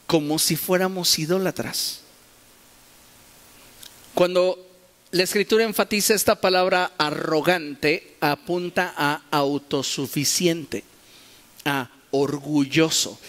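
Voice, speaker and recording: A man's voice: fairly high pitch, a bit bright. A man preaching a sermon, pressing his listeners with rhetorical questions and acting out little dialogues. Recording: long hall reverb.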